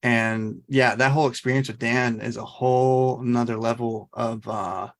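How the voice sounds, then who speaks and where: A man's voice: mid-range voice, steady tone, normal speed. A man from Oregon hosting a podcast, casual and laid-back, affirming his guest often. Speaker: podcast host. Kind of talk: casual chat.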